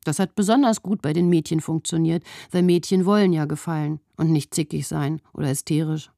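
Wry, low-voiced woman narrating. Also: brisk, creaky, warm tone, no room sound, studio quality. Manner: wry, opinionated. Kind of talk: first-person radio column reading.

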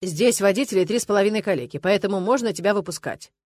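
A woman's voice: mid-range voice, expressive, fast talker, a little mellow, natural voice. A woman voicing a brash, sarcastic young man in a read-aloud novel, blunt and quarrelsome. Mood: teasing.

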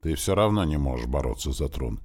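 Male narrator voicing a firm warrior prince, urgent, very deep with lively inflection. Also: brisk, breathy edge, exaggerated voice.

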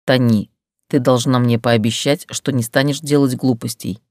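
A woman reading an audiobook, voicing a stern, controlled man in a lowered, clipped, commanding voice. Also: steady tone, normal speed, darkish tone, no echo. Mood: calm firm.

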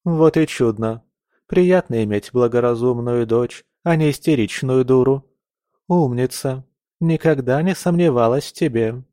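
A man's voice: medium pitch, unhurried, dark tone, no echo, clean studio sound, close to an everyday voice. A man voicing a domineering, cold noble mother who scolds and commands her daughter in an audiobook. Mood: coldly sweet. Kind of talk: audiobook character voice.

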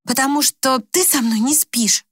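A woman's voice: on the high side, lively intonation, normal speed, a bit bright, no echo, pitched above the performer's own voice. A timid young wife, voiced by a woman reader in a raised, hesitant voice. She stumbles and falters over her words. The recording is close and dry. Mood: timid, anxious. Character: timid, anxious young wife, shy and ashamed. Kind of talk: audiobook character reading.

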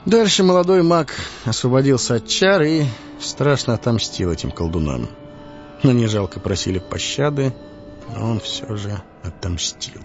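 A man voicing a charming, confident male wizard in an audiobook, calm and storytelling, commanding when angry. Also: medium pitch, normal speed, lightly acted. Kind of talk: audiobook narration. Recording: dull lo-fi audio with music.

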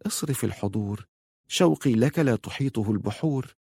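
Hushed tender young lover, read by a man. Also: fairly low pitch, lively intonation, normal speed, breathy edge, dry recording, clean studio sound. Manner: hushed, whispering, affectionate.

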